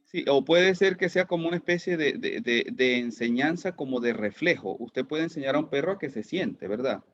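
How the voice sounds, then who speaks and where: A man's voice: medium pitch, expressive, normal speed, dry recording, lo-fi sound. A man teaching an online class, who keeps asking his students questions and repeats words as he goes. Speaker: lecturer.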